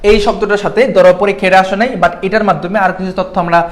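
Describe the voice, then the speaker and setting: A man's voice: high voice, fairly even intonation. A young man from Bangladesh tutoring students in a live online class, asking them questions and checking in with them often. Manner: quick, keeps checking in with the class. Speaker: admission exam tutor.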